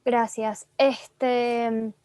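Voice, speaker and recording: A woman's voice: a little high, little pitch movement, drawn-out words, a little mellow, no room sound, studio quality. A woman student asking her teacher a question, hesitant and full of fillers.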